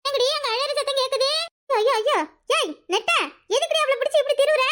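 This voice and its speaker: A fierce, protective cartoon mother, played by a woman, scolding in a very high, bright voice. She snaps her lines. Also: a little fast. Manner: sharp scolding.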